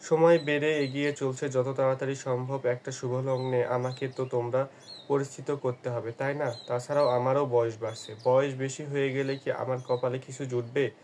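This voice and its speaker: A man narrating a novel in a measured storytelling manner, sometimes restarting a phrase. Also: medium pitch, little pitch movement, darkish tone, a little hiss or hum. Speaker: audiobook narrator. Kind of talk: reading a novel aloud.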